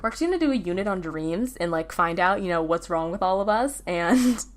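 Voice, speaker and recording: A teenage American girl hosts a casual solo podcast, rambling with plenty of fillers and restarting her sentences. Her voice is fairly low, animated, and brisk.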